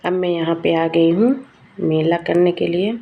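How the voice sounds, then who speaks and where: A woman's voice: on the low side, a little slow, vocal fry, mellow. A young woman vlogger and mother, narrating casually in a chatty storytelling way. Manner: chatty, storytelling, laughs often.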